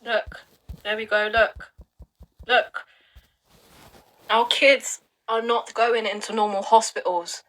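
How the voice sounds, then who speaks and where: A woman's voice: on the high side, flat delivery, takes it slowly, long pauses, a bit bright. A woman giving an upset, urgent commentary to her viewers, swearing and pressing her points. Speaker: video blogger. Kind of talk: live commentary on online records.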